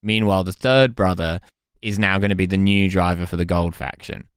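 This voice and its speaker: A man with a lowish voice recapping for a podcast in casual chat. His asides are dry and wry. The recording is close and dry, with no room sound. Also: steady tone, a little fast, smooth, dry recording. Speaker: podcast co-host.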